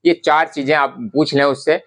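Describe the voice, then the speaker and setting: With slight background noise, a man speaks at a moderate pace in a fairly high, flat voice, giving casual instructions on fabric quality to camera. This garment business vlogger addresses viewers as brothers and keeps repeating his points in a chatty way.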